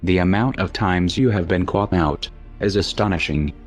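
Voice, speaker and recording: A man speaking through a disguised deep voice, reading a cold, measured, menacing scripted statement. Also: faint music behind.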